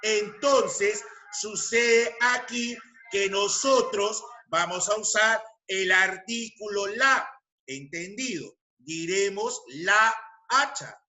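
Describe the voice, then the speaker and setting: A man with a Peruvian Spanish accent giving a grammar lecture, speaking deliberately, repeating key terms and checking that students follow. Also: sits high, bright, forceful tone. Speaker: teacher.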